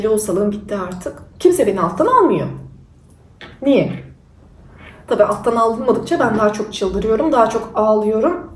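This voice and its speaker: A young woman vlogger, candid and self-mocking as she casually tells her own story. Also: high voice. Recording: roomy sound from a distance.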